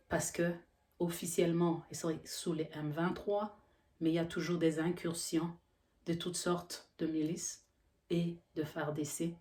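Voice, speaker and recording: A woman's voice: deep voice, dark tone. A woman from Congo in middle age, a health professional, speaking earnestly with frequent hesitations. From Democratic Republic of the Congo. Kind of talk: earnest educational monologue.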